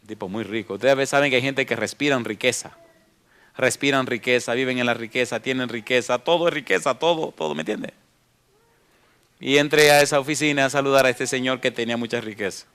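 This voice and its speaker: Clear-voiced preacher man. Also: mid-range voice, fairly quick, fairly bright tone. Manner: rhetorical questions to the congregation, storytelling. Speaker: pastor. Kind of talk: sermon.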